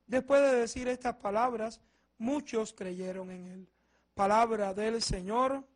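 High-pitched male priest at Mass. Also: unhurried. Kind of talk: Gospel reading and homily.

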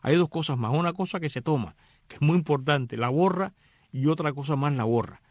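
A man's voice: on the high side, fairly quick, dry recording, studio quality. A middle-aged man casually retelling a film's story, acting out the characters' lines. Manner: animated, acts out dialogue. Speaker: radio host recounting a film.

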